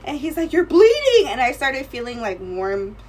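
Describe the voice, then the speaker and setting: A woman's voice: on the high side, normal speed. Laughing, swearing young woman telling a story. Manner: laughing, profane, animated storyteller. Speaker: podcast co-host. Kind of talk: casual storytelling chat. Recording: slightly distant mic with faint room noise.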